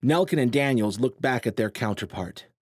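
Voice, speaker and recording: A man's voice: mid-range voice, no room sound. Man narrating an audiobook, dry close sound. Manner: steady, measured storytelling. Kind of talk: scripted narration.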